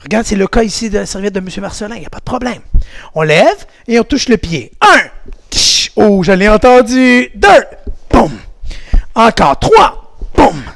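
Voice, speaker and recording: A lively karate instructor with a Québécois French accent leads kids through a home workout. His voice is high and swings widely, with a gravelly edge, and he shouts out counts and kiai cries. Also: normal speed.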